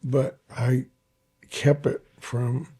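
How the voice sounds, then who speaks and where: An older man, a therapist hosting a podcast, talking casually and haltingly, often repeating his words. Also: medium pitch, flat delivery, mellow, slightly rough. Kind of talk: casual conversation.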